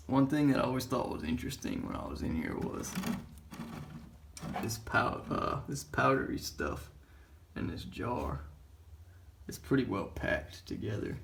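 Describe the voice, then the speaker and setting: Man, vlogger, gravelly fry, hesitant and rambling, voice echoing in an underground concrete shelter, faint background noise. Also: mid-range voice. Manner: hesitant, rambling with many fillers. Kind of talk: casual walkthrough commentary.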